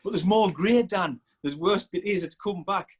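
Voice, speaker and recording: Guesting on a podcast, a Sunderland-accented strength coach in his forties speaks at normal speed in a husky, high-sitting voice. His casual chat rambles and restarts a lot.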